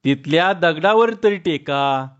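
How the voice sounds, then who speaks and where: A man's voice: fairly high pitch, expressive, a little slow. A man doing a joking rustic farmhand. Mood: teasing. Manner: laughing, teasing village talk. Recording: dull lo-fi recording.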